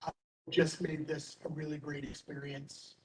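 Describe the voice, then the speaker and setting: A man's voice: on the high side, flat delivery, moderate pace. A man who is a library director, talking in an enthusiastic, talkative way at a meeting and over a video call, often breaking off his phrases. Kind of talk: meeting discussion. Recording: distant mic with faint noise.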